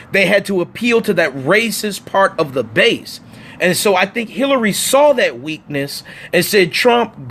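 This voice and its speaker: A man hosting a casual political livestream from his phone, emphatic and animated, talking straight to his viewers. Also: sits high. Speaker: livestream host.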